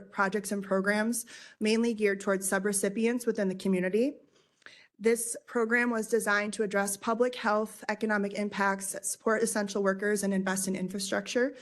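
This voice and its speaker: A woman's voice: mid-range voice, little pitch movement, normal speed. A woman giving a formal prepared presentation in front of an audience at a public meeting. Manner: formal, addressing a room. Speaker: consultant presenter. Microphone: meeting microphone.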